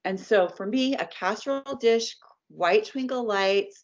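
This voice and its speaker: A woman in her fifties telling the story of her career as a guest in an interview, lively and chatty. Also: mid-range voice, measured pace. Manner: animated storyteller, acts out quoted voices. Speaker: licensed artist, guest. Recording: dull lo-fi sound.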